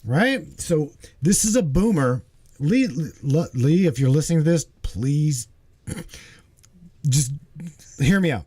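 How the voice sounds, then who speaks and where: A man's voice: a little high, expressive, slow, pauses often, a little mellow, husky. A man in his forties hosting a casual livestream chat, talking animatedly and emphatically, repeating himself and checking in with "okay?". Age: 40s. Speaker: host.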